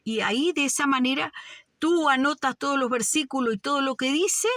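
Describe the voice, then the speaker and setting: A woman's voice: high-pitched, fairly quick, fairly bright tone, no echo, studio quality. A woman preaching a fervent sermon, often calling her listeners beloved brothers. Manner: fervent, addresses "amados hermanos" often.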